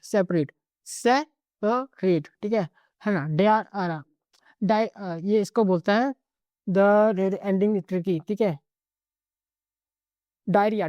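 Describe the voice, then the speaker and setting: A man teaching an exam-prep lesson in a relaxed, unscripted way. His tone is soft and mellow, and the sound is close and dry with no room around it. He runs quickly through lists of words and keeps checking in with the listener. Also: high-pitched, no echo. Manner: rattles through word lists, peppering every line with 'okay'. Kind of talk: casual spoken lesson.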